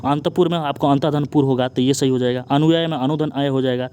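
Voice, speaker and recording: A young male tutor races through an exam-prep grammar lesson. His voice is dark and mellow, at a middling pitch. He rattles off examples one after another and keeps checking in with his students. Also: steady tone, smooth. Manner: rapid list-reading with frequent "ठीक ना" checks and "Babu" address. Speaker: exam coaching teacher. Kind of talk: online Hindi grammar lesson.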